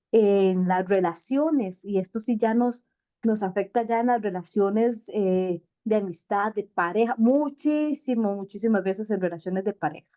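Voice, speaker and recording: A woman's voice: fairly high pitch, dark tone. A woman co-hosting a talk show, telling stories in a chatty, self-deprecating way and laughing often.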